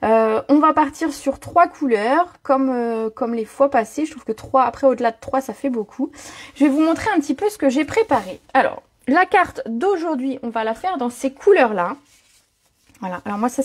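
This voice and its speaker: High husky voiced woman doing a live stamping craft stream, lots of euh and voilà. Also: expressive, normal speed. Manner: chatty, filler-heavy, greets viewers by name. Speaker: card-making demonstrator. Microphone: home setup, own mic.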